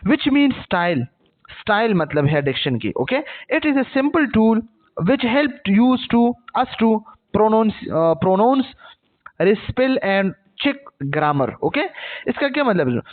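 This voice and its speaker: A male teacher lectures his students, reading each English line slowly before explaining it. His voice sits high. The recording is tinny and narrow, like a phone line. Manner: slow deliberate reading of English lines, then explaining; frequent "okay". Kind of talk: classroom lecture mixing Urdu and English.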